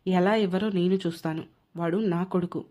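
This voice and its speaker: A woman's voice: fairly low pitch, fairly even intonation, normal speed, mellow, close to an everyday voice. A woman voicing a wronged young wife who is hurt, indignant and proud. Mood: resolute. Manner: tearful, indignant. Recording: dull lo-fi recording.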